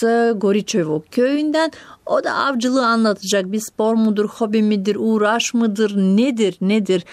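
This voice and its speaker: A woman's voice: medium pitch, darkish tone, dry recording. Woman radio host in a dry studio. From Bulgaria. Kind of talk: radio presenting to listeners.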